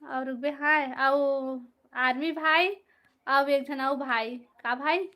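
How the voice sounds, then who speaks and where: A woman with a Chhattisgarhi accent hosting a casual live stream, reading out viewer comments and gently telling people off. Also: high-pitched, fairly even intonation, very slow. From Chhattisgarh, India. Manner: reads out and answers viewer comments, scolds gently.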